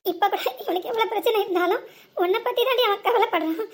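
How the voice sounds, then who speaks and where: A woman's voice: very high-pitched, fast. A woman doing a wailing old cartoon grandma. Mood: rueful. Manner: wailing, reproachful. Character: old grandmother, lamenting and scolding. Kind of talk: cartoon voice acting.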